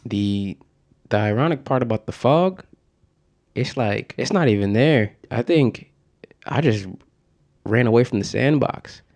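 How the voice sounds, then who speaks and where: A young man from Connecticut talking candidly as a podcast guest, laughing often and getting animated when he quotes people. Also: mid-range voice, a little slow, long pauses. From Connecticut, USA. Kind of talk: casual reflective conversation.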